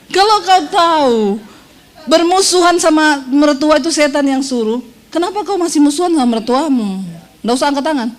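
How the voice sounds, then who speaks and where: A woman pastor delivers a sermon in a high voice. She jokes with the congregation and slips into other voices to act out conversations. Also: slight background noise. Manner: humorous, teasing the congregation with quick asides; acts out quoted voices in dialogue.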